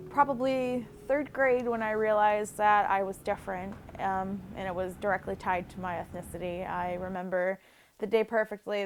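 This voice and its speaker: A woman's voice: medium pitch, a little hiss or hum, low-quality recording. Candid woman, reflective testimony. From Buffalo area, New York, USA. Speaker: documentary interviewee. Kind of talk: personal documentary testimony. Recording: music bed under the voice. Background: background music.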